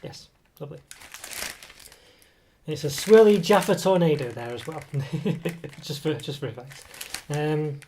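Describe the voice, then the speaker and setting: This food reviewer has a cold that makes his voice come and go as he casually reviews a snack at an indoor table. His slightly high, somewhat mellow voice has lively intonation and an unhurried pace, though the talk rambles with hesitations, fillers and self-corrections. There's a little hiss or hum from the table camera mic.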